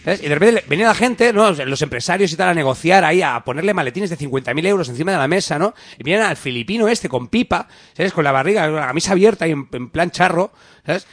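A man co-hosting a comedy radio show, playful, slangy and animated, acting out scenes as he talks. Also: on the high side, fast, dry recording.

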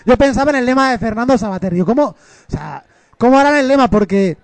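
A man's voice: very high voice, expressive, fast talker, no echo. A man co-hosting a casual comedy chat, joking and rambling with many restarts. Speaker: co-host.

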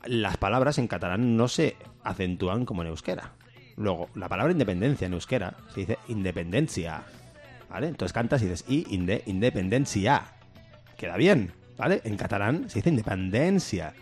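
A man's voice: on the low side, a little mellow. Rambling, jokey man. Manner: rambling, jokey, breaks into laughter. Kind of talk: casual comedic chat.

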